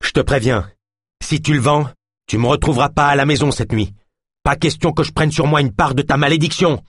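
A man's voice: mid-range voice, animated, fairly quick, breathy edge, no echo, studio quality, voice pushed up. A man voicing a determined woman who speaks in a firm, insistent way. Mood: defiant. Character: determined woman, stern and defiant.

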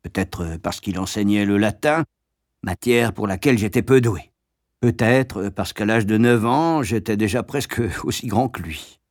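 A man reading a memoir aloud in a measured, wry storytelling manner. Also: on the low side, no room sound, clean studio sound. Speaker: audiobook narrator. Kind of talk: scripted memoir narration.

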